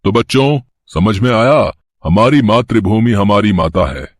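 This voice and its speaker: A man's voice: lowish voice, expressive, unhurried. Man voicing a patient village schoolteacher. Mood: instructive. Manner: explaining, instructive. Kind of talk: cartoon voice acting.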